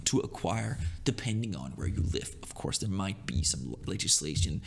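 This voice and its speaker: A young man from Denmark giving relaxed business advice in a loose, chatty monologue, often checking in with "right?". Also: low voice, moderate pace, creaky, breathy edge. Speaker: online business vlogger.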